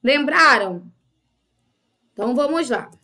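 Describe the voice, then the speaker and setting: Speaking slowly in a high, animated voice that sounds pushed and bright, this Brazilian Portuguese-accented woman teaches young kids by video. She keeps things chatty and peppers the lesson with frequent small questions to her pupils.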